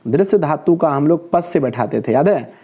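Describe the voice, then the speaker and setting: A man's voice: a little high, animated, moderate pace, warm tone, slightly rough. A male Sanskrit teacher giving an online class lecture, reciting verb forms in rhythmic lists, quizzing his viewers and correcting his own slips as he goes.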